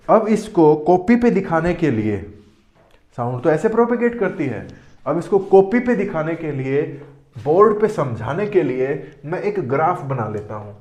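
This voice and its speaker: A man's voice: on the high side, darkish tone. A man teaching a board lesson who asks questions and answers them himself, often saying "theek hai". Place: classroom with board. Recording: echoey room.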